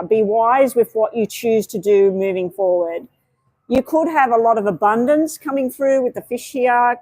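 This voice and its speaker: A woman's voice: on the high side, dry recording, low-quality recording. A woman giving tarot readings on a live stream, chatty and meandering, with many fillers. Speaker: tarot reader.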